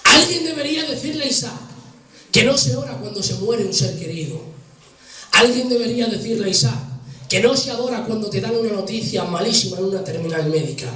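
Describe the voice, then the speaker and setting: A man preaching a dramatic sermon, telling a story with passion and swinging from hushed to loud. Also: very high voice. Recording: echoey room from far off with music.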